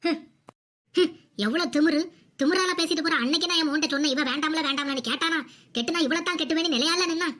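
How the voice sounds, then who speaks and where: A woman's voice: high-pitched, quick pace. A woman doing a nagging cartoon mother-in-law. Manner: nagging, scolding, sharp-tongued. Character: scolding middle-aged mother-in-law, nagging and bossy. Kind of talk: cartoon comedy voice acting.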